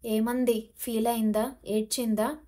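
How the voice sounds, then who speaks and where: A woman voicing a concerned middle-aged husband who asks quiet questions. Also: on the high side, flat delivery, measured pace, natural voice. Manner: hushed, asking questions.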